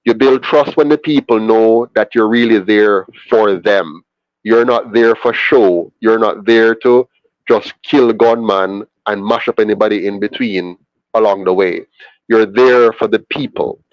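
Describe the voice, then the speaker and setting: A man's voice: on the low side, a little slow, dry recording. Jamaican-accented male guest, emphatic; glitchy breaking-up internet call, dull dry lo-fi sound. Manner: emphatic, repeats phrases. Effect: glitchy, breaking-up internet call audio. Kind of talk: earnest political argument. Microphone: video call.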